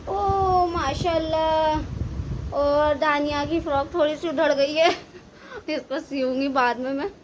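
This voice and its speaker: A young woman, chatting casually and teasingly in a home vlog. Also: high-pitched. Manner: chatty, teasing, laughs often. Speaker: vlogger. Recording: noisy home recording.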